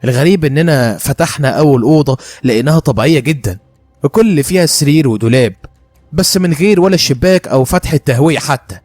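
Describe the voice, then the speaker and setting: A man with an Egyptian accent narrating a first-person story in a brisk, conversational way. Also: fairly high pitch, lively intonation, a little mellow, no echo, faint music behind.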